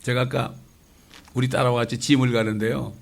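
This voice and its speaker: A middle-aged man preaching a conversational sermon as a pastor, lively and full of rhetorical questions. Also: medium pitch, brisk, vocal fry. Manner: lively, asks rhetorical questions, acts out quotes.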